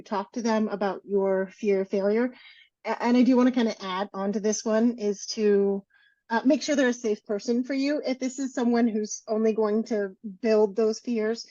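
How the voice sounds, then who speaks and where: A woman's voice: on the high side, a little mellow, no echo. A woman co-hosting a coaching podcast, talking earnestly and working through a list of advice. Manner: slow, earnest, lists advice. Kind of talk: casual podcast chat. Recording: dull, dry lo-fi mic.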